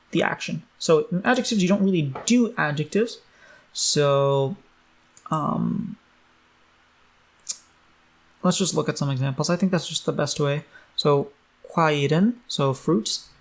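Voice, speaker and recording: A man's voice: a little high, creaky. A man teaching a language in a casual online lesson, loose and chatty with many ums.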